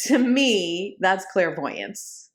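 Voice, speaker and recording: A woman's voice: medium pitch, sing-song, very slow. A woman co-hosting a podcast in casual conversation, chatty, with sarcastic asides and frequent checks that she is understood. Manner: chatty, sarcastic asides, frequent "like" and "do you know what I'm saying". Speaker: podcast co-host.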